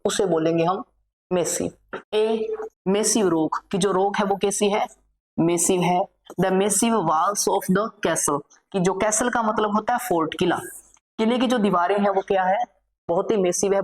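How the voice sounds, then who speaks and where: Dictating word lists to exam students, a female teacher explains English vocabulary in Hindi and says each word again. She speaks a little slowly in a lowish, somewhat mellow voice, and the recording is rough.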